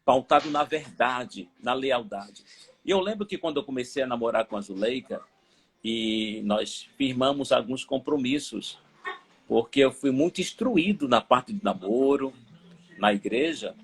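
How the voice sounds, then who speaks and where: Middle-aged male pastor, emphatic storyteller, lively pitch, mid-range voice. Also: measured pace, husky. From Aracaju, Brazil. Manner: animated storytelling, emphatic repetition. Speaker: pastor, guest. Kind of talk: personal testimony in a live interview.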